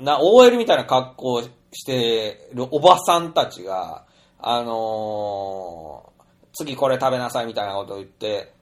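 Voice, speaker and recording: A middle-aged man telling an anecdote in a chatty, rambling monologue full of fillers. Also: mid-range voice. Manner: chatty storyteller, animated, many fillers. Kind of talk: casual monologue.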